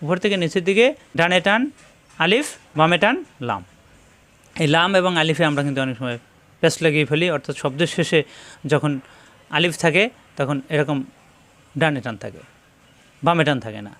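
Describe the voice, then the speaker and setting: Man slowly drilling Arabic letter sounds. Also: on the high side, animated, a bit bright. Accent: Bangladeshi Bengali. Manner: repeats each letter slowly several times, explaining mouth positions. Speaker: Quran reading teacher. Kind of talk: lesson on recognising Arabic letters.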